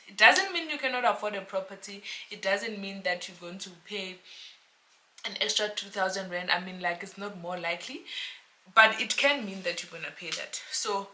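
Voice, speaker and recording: A South African woman, a real estate agent, chatting to camera in a casual explainer vlog, animated and talking to her viewers like friends. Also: medium pitch. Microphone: camera mic, self-filmed.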